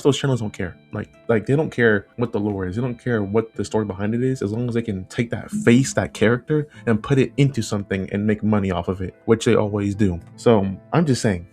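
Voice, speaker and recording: With music playing underneath, a man who makes analog horror and hosts video essays shares his casual, opinionated takes. He speaks in a lowish, slightly mellow voice, chatting naturally and restating phrases to drive points home.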